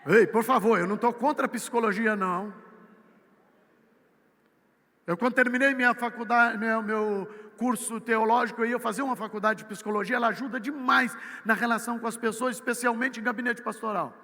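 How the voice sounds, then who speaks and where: A Brazilian man with a Brazilian Portuguese accent preaching a sermon, swinging from loud emphatic peaks to low, quiet asides. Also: fairly even intonation, fairly quick, few pauses. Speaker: missionary preacher. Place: church. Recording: church hall with long reverb.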